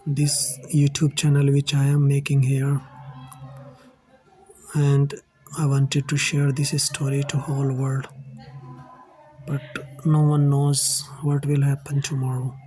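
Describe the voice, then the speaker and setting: A man from India speaks English with an Indian accent and Hindi as his first language. He tells his personal story slowly and haltingly, addressing viewers as guys, in a mellow voice with an even, flat delivery. Soft music plays quietly underneath. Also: mid-range voice, rough recording. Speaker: channel host telling his own life story.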